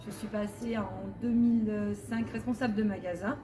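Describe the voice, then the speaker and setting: A woman's voice: mid-range voice, fairly even intonation, normal speed, reverberant, music in the background. A woman in her forties, a store manager, describing her job with frequent hesitations. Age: 40s. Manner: hesitant, many fillers. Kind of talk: corporate job interview testimony.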